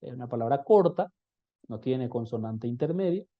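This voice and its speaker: Man, language teacher, patient explanations, mid pitch, slightly muffled recording. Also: lively intonation. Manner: patient, repeats example phrases slowly with fillers.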